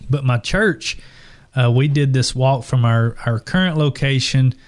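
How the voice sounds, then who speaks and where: An enthusiastic man co-hosts a casual podcast, rambling a little and restarting his sentences. His voice sits at an ordinary middle pitch for a man. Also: measured pace. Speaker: podcast co-host.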